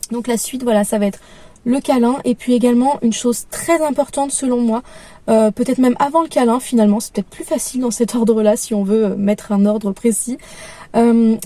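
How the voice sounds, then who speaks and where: Gentle, hesitant young mother, mellow voice. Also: a little high, no echo, recorded from a distance. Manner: calm, gentle, many hesitations. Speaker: parenting vlogger. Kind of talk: casual advice talk.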